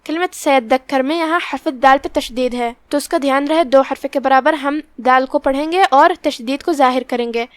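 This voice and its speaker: A woman teaching Quran recitation rules step by step, patiently explaining each letter and then chanting the verses slowly with drawn-out vowels. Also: sits high, no echo. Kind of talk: tajweed lesson with slow recitation.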